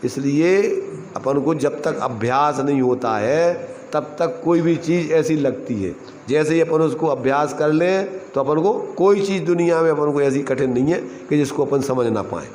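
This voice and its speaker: A man teaching a scripture class. He keeps asking his listeners questions and chants a verse line slowly. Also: a little high, darkish tone, slight background noise. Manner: asks the audience questions again and again, chants a couplet slowly. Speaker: religious teacher. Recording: roomy hall with faint ambience.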